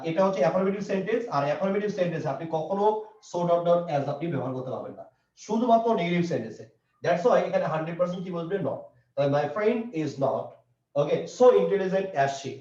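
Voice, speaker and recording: A man's voice: on the high side, a little mellow. A man teaching an English grammar lesson, repeating points and asking and answering his own questions. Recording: echoey, distant, dull lo-fi room sound.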